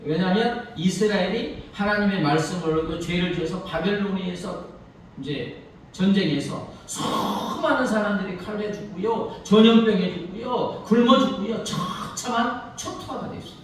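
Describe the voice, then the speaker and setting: A man's voice: high-pitched, moderate pace, slight background noise. A man preaching a sermon as pastor, telling a story and asking the congregation rhetorical questions. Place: church sanctuary. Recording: echoey hall, mic from far off.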